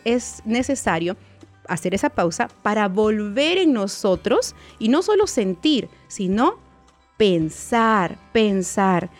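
A woman's voice: mid-range voice, a little mellow. Coaching woman psychologist, faint music. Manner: coaching, repeats words, asks listeners for agreement. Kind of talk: advice talk to viewers.

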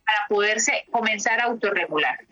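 A woman therapist telling stories from her practice in an interview, reflective and pausing with fillers. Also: mid-range voice, sharp tone, dull audio, faint music behind.

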